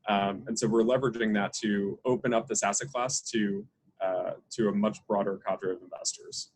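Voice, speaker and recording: A man from New York, a guest on a podcast, explaining clearly with occasional repeated words. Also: fairly low pitch, steady tone, normal speed, a little mellow, low-quality recording. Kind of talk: interview answers.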